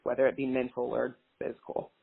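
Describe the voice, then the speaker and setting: A woman speaks cautiously on a phone call, hesitating and softening her words. Her voice is gravelly and a bit husky. The line sounds narrow and tinny. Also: extremely low pitch, monotone, quick pace. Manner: cautious, soft-spoken, many hesitations.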